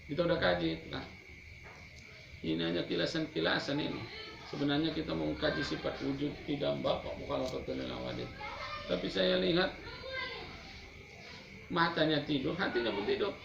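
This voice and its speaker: A man gives a chatty, teasing sermon, firing rhetorical questions and answering them himself. His voice is gravelly. The recording is dull and lo-fi, with a roomy echo and steady noise behind him. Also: on the high side, normal speed, pauses often. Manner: chatty, teasing preaching with laughs. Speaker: Islamic preacher. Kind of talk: sermon to a congregation.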